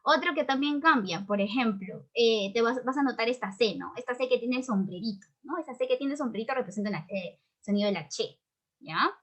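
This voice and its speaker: A woman with a Peruvian accent teaching an online grammar lesson, explaining patiently and checking in often with quick tag questions. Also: a little high, expressive. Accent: Peruvian Spanish. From Peru.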